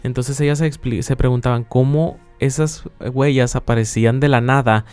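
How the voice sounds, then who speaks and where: A man's voice: medium pitch, fairly even intonation, normal speed, a little mellow, clean tone, no room sound, faint music behind. A man co-hosting a podcast, telling paranormal stories in a casual, conversational way. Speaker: podcast co-host.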